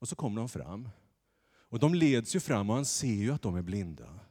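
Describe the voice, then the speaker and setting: A man preaching a lively sermon from the pulpit in a church, acting out the story as he goes. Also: lowish voice, husky. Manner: animated, acts out the story's voices. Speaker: pastor. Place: church sanctuary. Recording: long church reverb.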